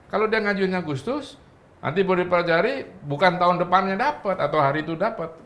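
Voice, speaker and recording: A man, a guest chatting casually on a talk show, animated and playing out quoted remarks. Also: high-pitched, fast. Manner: animated, acts out quoted speech. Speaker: guest commentator.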